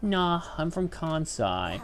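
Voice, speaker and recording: A gruff middle-aged man from Kansai, blunt and proud of where he comes from, read aloud by a woman playing a game. His lines come out plain and unhurried, set low with a lot of lift and fall in the pitch. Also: sing-song, heavily acted. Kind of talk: reading game dialogue aloud.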